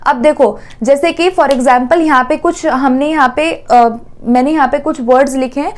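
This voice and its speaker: A woman teaching an exam-prep grammar lesson, repeating words slowly and checking in often. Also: high voice.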